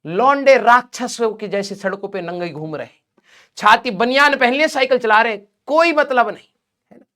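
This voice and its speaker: A male teacher casually tells his students a personal story, laughing as he goes and scattering fillers like "ठीक है" and "भाई साहब" through his chatty talk. His voice is very high-pitched and sharp, animated, at a normal speed.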